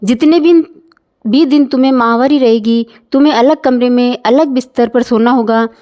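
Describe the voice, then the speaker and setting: Strict traditional mother-in-law, voiced by a woman, scolding, insistent, high voice, storybook. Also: normal speed, dark tone, lightly acted. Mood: instructing.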